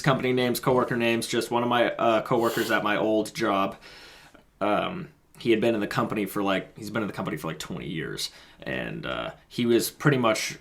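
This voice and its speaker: A man's voice: on the low side, a bit bright. A man in his twenties co-hosting a podcast, telling personal stories in a blunt, slangy, casual way. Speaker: podcast co-host. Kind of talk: casual chat and personal anecdotes.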